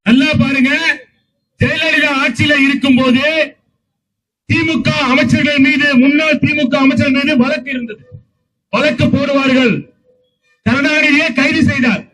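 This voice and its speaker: A man's voice: very high-pitched, bright, forceful tone, low-quality recording. A man with a Tamil Nadu accent giving thunderous political oratory at a rally, declaiming and posing rhetorical questions. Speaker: political party speaker at a protest.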